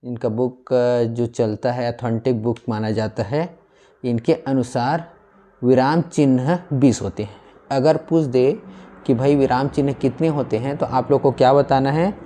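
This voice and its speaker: A young man gives a classroom-style grammar lesson in a mellow, dark voice. He often asks a question and then answers it himself, repeating key words so they stick. His pitch sits in an ordinary middle range. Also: fairly even intonation, a little slow. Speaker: Hindi grammar teacher. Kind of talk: classroom lecture.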